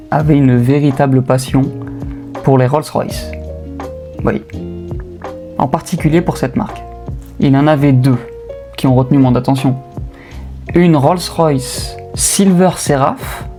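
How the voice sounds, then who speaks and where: A man's voice: on the high side, warm tone. Young Frenchman, slangy car chatter. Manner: slangy and joking, with filler hesitations. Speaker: car channel host. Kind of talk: casual voice-over commentary. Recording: faint music bed behind voice. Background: faint lofi music.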